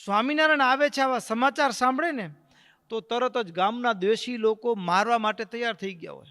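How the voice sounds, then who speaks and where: Preacher, high voice, dramatic storytelling sermon, hall echo. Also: male voice, a little fast, bright, forceful tone, clear, resonant tone. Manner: dramatic, acts out the characters' voices.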